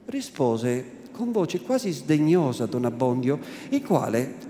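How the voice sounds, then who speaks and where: Male literary reader, measured and dramatic, booming cathedral acoustics with faint room hum. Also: sing-song, warm tone. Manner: measured, theatrical. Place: large cathedral. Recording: echoey cathedral, faint ambience.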